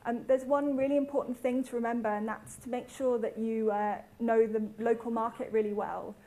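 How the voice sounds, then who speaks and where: A woman's voice: fairly high pitch, steady tone, brisk, warm tone, poor audio. A woman from the UK, giving a rehearsed conference presentation with brief fillers. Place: conference hall.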